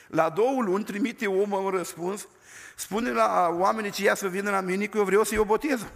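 An older man preaching a storytelling sermon, stressing his words by slowing down. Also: high-pitched, fairly even intonation, creaky, a bit bright. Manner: emphatic, slows words for stress. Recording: long reverb of a large hall.

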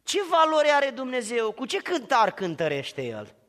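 An impassioned male preacher delivers a sermon in a church hall. He has a high, bright, forceful voice and stacks his repeated phrases into shouted peaks. A long reverb trails after his words. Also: huge pitch swings. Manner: impassioned, builds to shouted repetitive crescendos.

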